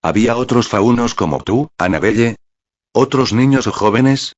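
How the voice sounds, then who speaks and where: A man's voice: moderate pace, natural voice. A man reading as a kind, patient young officer. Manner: low and calm. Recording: dull, dry lo-fi recording.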